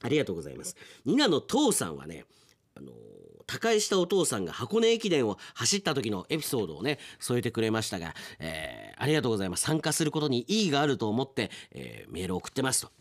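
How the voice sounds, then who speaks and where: This radio aftertalk host has a medium-pitched voice and talks fast. He reads listener mail in a casual, chatty way, staying animated and reacting with amused asides.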